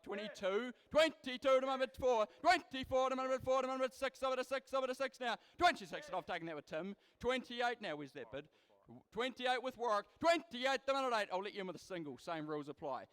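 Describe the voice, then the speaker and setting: A man's voice: extremely high pitch, smooth, in a large hall. A young man working as a livestock auctioneer, rattling out bids in a repetitive, rhythmic chant of numbers. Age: young adult. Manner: repetitive, rhythmic number patter, forceful calls to bidders. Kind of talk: livestock auctioneer's rapid chanting bid-calling.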